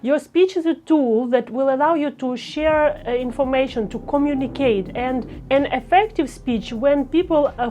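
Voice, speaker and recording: A woman speech coach talking to camera, with a careful, deliberate delivery and phrasing. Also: high-pitched, darkish tone. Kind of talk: instructional talk to camera.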